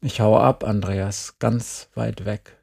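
A man reading an audiobook and voicing a blunt, bitter teenage girl who talks in a flat, cutting way. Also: lowish voice, slow pace, creaky, slightly rough, exaggerated voice. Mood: cold.

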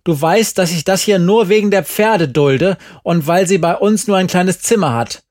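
A man's voice: high voice, moderate pace, a little mellow, dry recording, clean studio sound, voice pushed up, close to an everyday voice. A man voicing a stern, commanding middle-aged mother who scolds sharply and with contempt. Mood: scolding.

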